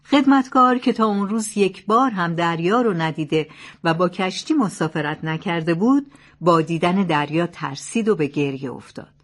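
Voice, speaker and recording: A woman narrates old proverb tales in a clear, measured reading voice. Her pitch sits in an ordinary middle range.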